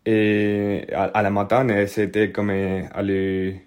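A young man from Spain with a Spanish accent, telling a personal story in hesitant French as a non-native speaker, often pausing with fillers as he searches for words. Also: on the low side, completely flat delivery. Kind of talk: casual spoken anecdote.

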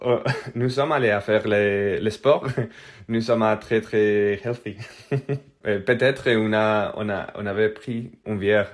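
A young man from Spain with a Spanish accent, telling a personal story in hesitant French as a non-native speaker, often pausing with fillers as he searches for words. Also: fairly low pitch, steady tone. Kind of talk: casual spoken anecdote.

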